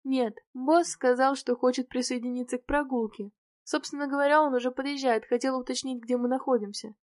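Calm businesslike bodyguard, male, storybook reading, a woman voicing him, fairly high voice, dry close sound. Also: a little fast, no room sound, close to an everyday voice.

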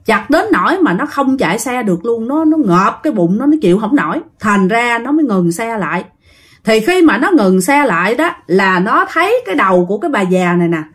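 Female ghost story narrator, Southern Vietnamese accent, a bit high, talks straight to listeners. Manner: chatty, addresses listeners directly.

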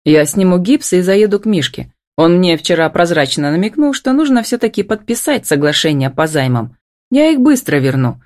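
A woman voicing a gruff, hot-tempered young husband who talks in curt growls, in an audiobook. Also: lowish voice, very animated, normal speed, a little mellow.

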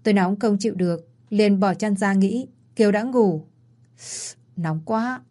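Mellow-voiced woman reading a romance story. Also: medium pitch, normal speed. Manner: reads all characters in one voice. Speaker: narrator.

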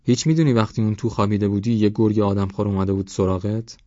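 A man's voice: lowish voice, steady tone, dark tone, no echo, dull audio, natural voice. A man voicing a blunt old shepherd who scolds a careless young man in a raised voice. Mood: scolding.

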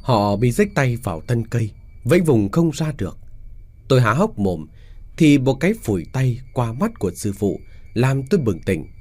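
A man narrating a ghost story, voicing the characters with dramatic shifts in loudness. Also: medium pitch, big pitch swings, moderate pace.

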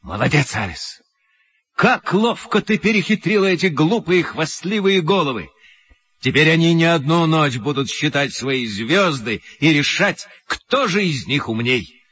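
A kind, encouraging storybook wizard with a husky, bright voice that rises and falls freely, voiced by a man. He sounds a little distant from the microphone. The audio is slightly muffled. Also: fairly high pitch, sing-song, unhurried, full character voice. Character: kind old male wizard, calm and encouraging.

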